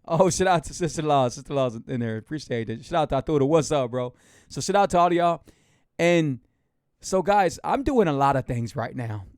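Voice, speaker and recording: A medium-pitched man in his forties, nearing fifty, gives a rambling motivational talk to live viewers, repeating himself and animatedly urging them on. The motivational speaker's audio is studio quality with no echo.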